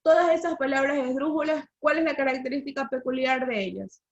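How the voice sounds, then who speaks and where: In a high, steady voice, a woman briskly explains language rules and quizzes her class over a video call. The recording has the slightly dull quality of lo-fi call audio.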